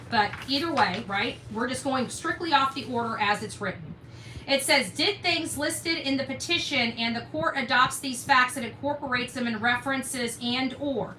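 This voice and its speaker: Streaming to her audience, a woman with a high-pitched, sharp voice reads documents aloud and comments on them in an indignant, combative, emphatic rant. The mic sounds distant, with roomy echo and faint noise.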